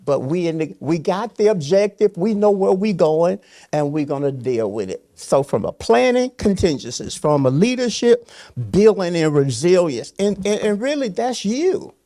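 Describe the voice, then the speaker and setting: With a high, dark voice and a sing-song lilt at moderate speed, this older pastor talks unscripted on a motivational panel. Like a preacher, he presses each point with brief, repeated phrases.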